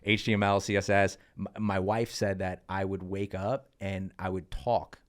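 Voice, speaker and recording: A man in his mid-thirties with a fairly low voice spins career stories on a casual podcast into a studio mic. He sounds chatty and animated, speeding up in bursts and tossing in "uh" and "um" along the way. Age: 30s. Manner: lively, chatty, quick bursts with fillers. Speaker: podcast co-host. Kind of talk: casual storytelling in podcast chat.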